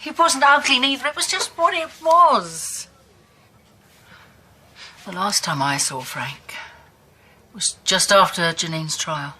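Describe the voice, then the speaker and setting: A woman's voice: medium pitch, animated, slow, pauses often, breathy edge, exaggerated voice. An actress playing a blunt, earthy older woman in a television soap drama. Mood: reflective. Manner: blunt and earthy, softening into quiet remembering.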